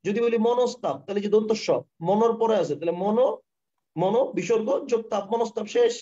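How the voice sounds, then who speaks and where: Fast-talking Bangladeshi teacher, lo-fi audio. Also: male voice, sits high, dark tone. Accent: Bangladeshi Bengali. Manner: fast, repetitive, keeps asking if the concept is clear. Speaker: online grammar teacher. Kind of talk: live online lesson with screen share. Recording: dull, lo-fi online class audio.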